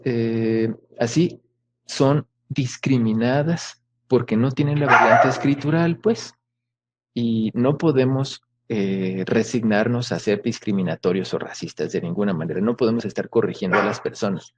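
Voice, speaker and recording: A man with a mid-range voice lectures academically over a video call at a moderate pace, with slight background noise. He explains patiently, using lots of fillers and rhetorical questions.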